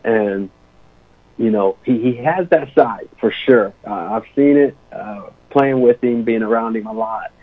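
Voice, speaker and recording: A man's voice: on the low side, a little slow, husky, dry recording. A young man, an assistant basketball coach, telling stories casually in an interview, with many fillers. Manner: animated storyteller, many fillers. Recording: tinny phone-line sound.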